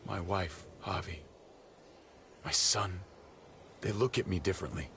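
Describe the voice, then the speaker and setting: A man's voice: sits low, a little slow, a bit bright, slight background noise. An actor playing a hardened, curt militia leader and estranged father in a dramatic video game. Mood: bitter, brooding. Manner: curt, commanding.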